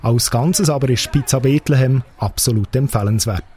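A man with a mellow voice and a Swiss German accent narrates a scripted radio review. His pitch is average, and faint music plays behind him. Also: normal speed. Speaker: radio film critic.

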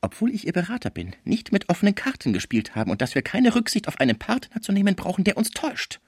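A man voicing a cold, scheming male lawyer who speaks in a hushed, calculating way. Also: sits high, wildly swooping pitch, fast talker, breathy edge, dry recording, studio quality, pitched above the performer's own voice, exaggerated voice. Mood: accusing.

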